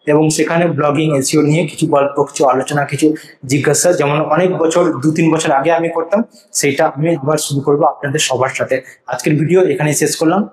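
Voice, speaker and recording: Man, rapid confident tutorial delivery, recorded in a bare room with heavy echo. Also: fairly high pitch. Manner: earnest, confident advice-giving. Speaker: blogging and SEO YouTuber. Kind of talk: casual tutorial monologue to camera. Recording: echoey untreated room.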